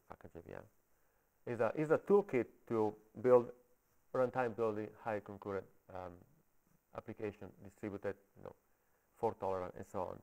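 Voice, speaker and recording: A man with an Italian accent giving a technical talk at a meetup, halting and often checking in with the audience. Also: lowish voice, vocal fry, a little mellow, poor audio. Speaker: conference speaker. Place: coworking space meetup room.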